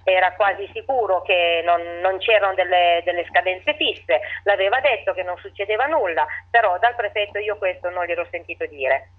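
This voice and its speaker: A woman, a town mayor, answering interview questions over the phone in halting speech that often restarts its phrases. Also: lowish voice, husky. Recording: tinny phone line.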